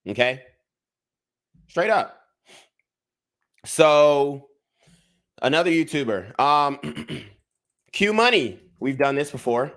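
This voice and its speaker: A man's voice: mid-range voice, a bit bright. A young man giving a heated commentary rant on a livestream, repeating himself and restarting as he gets worked up. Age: young adult. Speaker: YouTube commentator.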